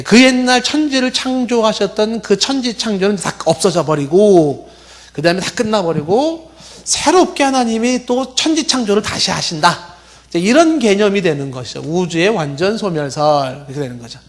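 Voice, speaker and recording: A middle-aged man preaching a teaching sermon in a high, lively voice that swings widely in pitch. He walks through scripture and asks himself rhetorical questions to explain each point. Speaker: pastor. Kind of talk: expository sermon.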